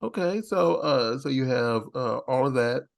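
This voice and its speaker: A man hosting a casual interview, talking excitedly with frequent restarts and laughter. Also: medium pitch, a little slow, gravelly. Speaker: podcast host.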